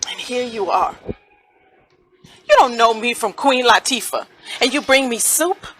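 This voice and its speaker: A woman acting a grieving mother in a stage play, speaking colloquially and swinging between hushed grief and angry outbursts. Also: a little high, lively intonation, slow pace, slight background noise, poor audio. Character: grieving mother, raw with sorrow and rage. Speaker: mother of a son shot by police.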